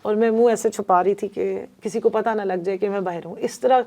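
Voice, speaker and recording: A woman's voice: mid-range voice, steady tone, warm tone. A woman from Pakistan, a politician guest on a podcast interview, telling her story in an emphatic, earnest way.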